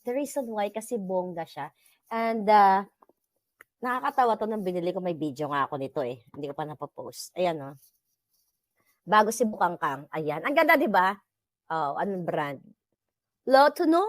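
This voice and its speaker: A woman's voice: lowish voice, animated, moderate pace, no room sound. A woman with a Filipino accent hosting a casual live chat with viewers, mixing Tagalog and English and laughing often. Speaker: livestream host.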